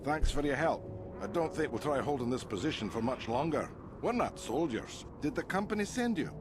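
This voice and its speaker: An actor plays a tired sandcrawler worker who has held his post too long. His voice swings lively up and down as he warns the newcomer off. Clear engine and vehicle noise runs under this game dialogue. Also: mid-range voice, brisk, natural voice. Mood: weary. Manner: tired, relieved, warning. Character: weary male sandcrawler worker under siege.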